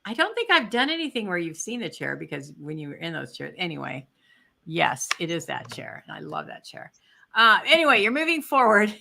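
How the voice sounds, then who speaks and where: A woman's voice: lowish voice, sing-song, brisk, gravelly, bright, forceful tone. A woman giving a chatty, encouraging spiritual card reading with asides and fillers, while she has the hiccups. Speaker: intuitive card reader.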